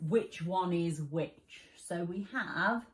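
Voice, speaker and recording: Young female teacher, low-ish voice, patient and encouraging, walks kids through spelling. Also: slow, slight background noise. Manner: patient, encouraging, explains step by step. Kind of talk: children's spelling lesson.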